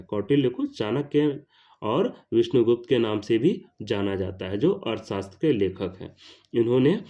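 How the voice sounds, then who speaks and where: An exam prep lesson comes from a man with an Indian accent who makes a point of repeating each question and answer. The recording has its highs cut off, and his medium-pitched voice carries a dark tone.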